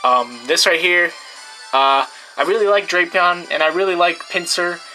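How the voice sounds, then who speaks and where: A man's voice: high voice, normal speed, sharp tone, soft background music, poor audio. A young man casually walking through his game team, rambling with many fillers and restarts. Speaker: gameplay video creator.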